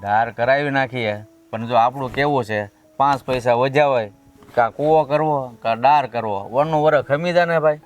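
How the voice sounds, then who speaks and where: An actor playing a calm, patient village father, who speaks in a measured, advising way. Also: mid-range voice, faint music behind, lightly acted. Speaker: father in family drama. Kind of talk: Gujarati village drama dialogue.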